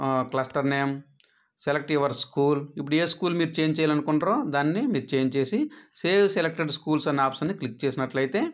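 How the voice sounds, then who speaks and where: A man gives a patient, step-by-step tutorial on an app, pausing on "aa" fillers and dropping his voice at the end of each sentence. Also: fairly bright tone. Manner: patient, instructive, with frequent "aa" fillers; drops pitch at sentence ends. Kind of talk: step-by-step screen tutorial narration.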